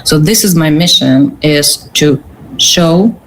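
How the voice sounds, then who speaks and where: A woman with a Ukrainian accent, a curator answering interview questions earnestly, pausing and restarting often. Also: deep voice, slight background noise, poor audio. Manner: earnest, halting with pauses and restarts. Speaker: guest, curator.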